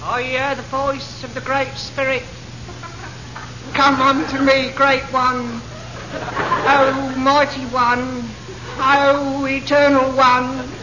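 A man's voice: extremely high pitch, little pitch movement, slow, noisy background. A man playing a bumbling faith healer in a comedy sketch, praying theatrically and mock-solemnly over the sick. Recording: dull, lo-fi, loud music behind.

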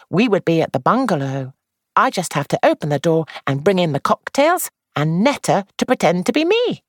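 A woman's voice: lowish voice, no echo, studio quality, pitched above the performer's own voice. A woman reading aloud and voicing a young actress who sounds anxious, dramatic and confiding.

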